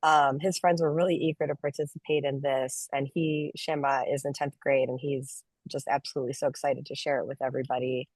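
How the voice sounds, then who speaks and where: Low-voiced woman hosting. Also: little pitch movement, a little fast, few pauses, darkish tone, no echo. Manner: friendly, loose, many ums. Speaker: interview host and advocate. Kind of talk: online presentation and interview.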